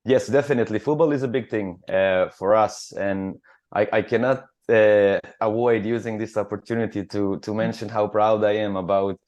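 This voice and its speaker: Croatian man in his thirties, low voice, halting radio interview answers. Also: fairly even intonation, a little mellow. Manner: halting, many fillers and restarts, earnest. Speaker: futsal club captain.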